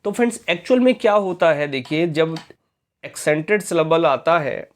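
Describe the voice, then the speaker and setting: A male teacher giving an exam-prep lecture, reading English definitions slowly and often asking the students if it is clear. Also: on the high side, lively intonation. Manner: slow, drawn-out reading of English definitions, quizzing questions to students; repeatedly asks "clear friends?".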